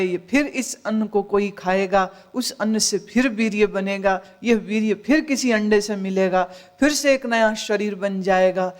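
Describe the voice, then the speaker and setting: A woman spiritual teacher giving a discourse, scolding with rhetorical questions and dropping in English phrases. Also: medium pitch.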